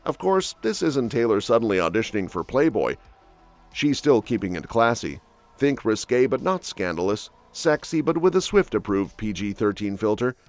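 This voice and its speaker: A man's voice: fairly low pitch, very animated, normal speed. A man reading scripted entertainment gossip narration with a snarky, quip-heavy delivery. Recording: dry voice-over with soft music bed.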